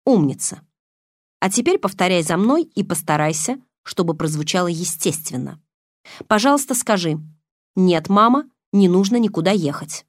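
A woman reading the lines of a smooth, menacing man on the phone, calm and mocking. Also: fairly low pitch, normal speed, dry recording, studio quality.

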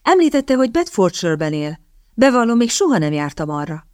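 A woman voicing an anxious, sharp-tongued young lady in an audiobook, clipped and snappish. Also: mid-range voice, sing-song, no echo, studio quality, pitched above the performer's own voice, natural voice. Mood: polite. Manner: clipped, snappish when pressed.

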